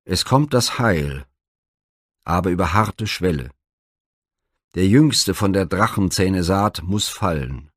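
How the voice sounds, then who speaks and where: A man's voice: deep voice, expressive, slow pace, long pauses, no echo, studio quality, exaggerated voice. A man reading the part of a stern old blind seer in a myth storybook, speaking in grave, solemn pronouncements.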